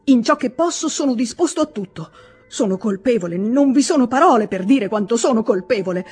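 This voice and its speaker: A woman reader voicing a guilty husband who pleads in a trembling, timid voice, with a husky tone. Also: a little high, expressive, brisk, a little mellow, voice pushed up. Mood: pleading.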